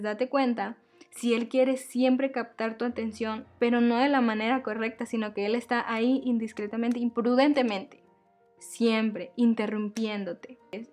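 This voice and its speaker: Woman, devotional teacher, earnest, repeats key points, fairly high voice, soft music behind. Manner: earnest, repeats key phrases, addresses listeners as sisters. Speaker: women's ministry teacher.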